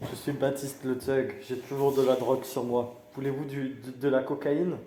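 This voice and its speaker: A man's voice: medium pitch, flat delivery, normal speed, mellow, close to an everyday voice. Casting: a man playing a slangy, touchy thug candidate who mumbles, in an echoey room. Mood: sly. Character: Baptiste the thug, a cocky male politician candidate. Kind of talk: amateur comedy sketch. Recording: echoey room, faint ambient noise.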